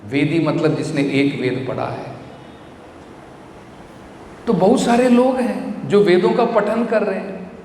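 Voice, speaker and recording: A man's voice: high voice, lively intonation, slow, pauses often, a little mellow, slight background noise. A man giving a devotional scripture lecture, explaining verses line by line and putting rhetorical questions to his listeners. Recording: echoey hall with faint ambience.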